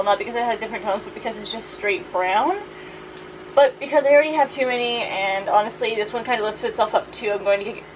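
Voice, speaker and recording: A woman with a slightly high voice chats in a casual, playful vlog style. Her talk is informal and slangy, like a beauty vlogger sorting through a collection. A clear fan noise runs behind her. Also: poor audio. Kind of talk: casual beauty declutter chat. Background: fan running.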